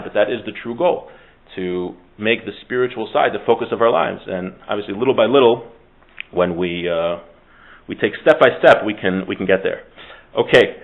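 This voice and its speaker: Thin, phone-like audio captures a man with a low voice and vocal fry. He teaches a casual Torah lesson with discussion, chatting, cracking jokes, cutting himself off, and mixing in Hebrew words.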